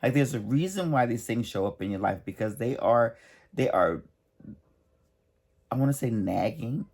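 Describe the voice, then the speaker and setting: A man's voice: mid-range voice, lively intonation, moderate pace, darkish tone, breathy edge. A man speaking in a tired voice, hosting a motivational monologue on spiritual growth. He talks earnestly and repeats his points with emphasis, speaking directly to the listener. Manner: earnest, repetitive, emphatic encouragement. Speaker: spiritual channel host.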